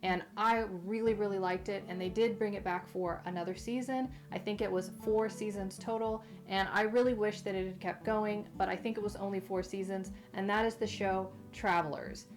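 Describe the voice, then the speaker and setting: A woman's voice: medium pitch, fairly even intonation, moderate pace, hardly any pauses, soft background music. A woman hosting a casual, chatty recommendation vlog, speaking with a mouth affected by recent wisdom tooth removal. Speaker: host.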